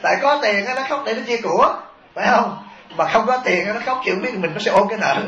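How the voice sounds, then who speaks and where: A man's voice: sits high, animated, quick pace, fairly bright tone. A man, a Buddhist monk giving a humorous sermon, often chuckling and asking his listeners rhetorical questions. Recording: echoey, dull taped sermon recording.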